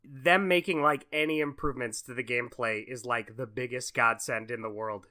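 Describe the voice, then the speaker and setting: A man's voice: mid-range voice, fairly even intonation, moderate pace, bright, forceful tone. A man co-hosting a casual, joking conversation. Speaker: podcast co-host.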